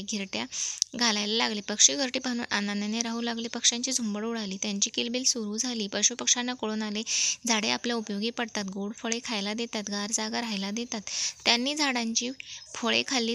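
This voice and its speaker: A woman narrates a children's storybook lesson. Her voice sits a touch higher than usual and livens up whenever a character speaks. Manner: animated, voices dialogue with lifted pitch. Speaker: storyteller reading a school lesson. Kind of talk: expressive storybook reading.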